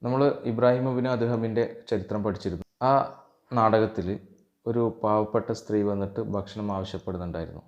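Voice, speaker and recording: Man, Arabic teacher, from Kerala, exam-prep lesson, slow reading then translating, muffled lo-fi recording. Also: on the low side, darkish tone. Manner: reads Arabic dialogue lines slowly, then translates.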